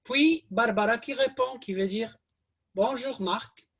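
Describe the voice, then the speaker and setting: A woman teaching a language class, reading a dialogue aloud and slowly repeating each word so learners can copy it. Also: on the high side, slightly rough. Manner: patient, explains grammar in simple terms. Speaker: Arabic teacher.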